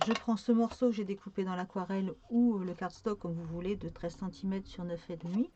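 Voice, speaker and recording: A woman's voice: mid-range voice, steady tone, brisk, highs cut off, noisy background. A woman talking through a card-making tutorial in a casual, hesitant way, with many fillers and self-corrections.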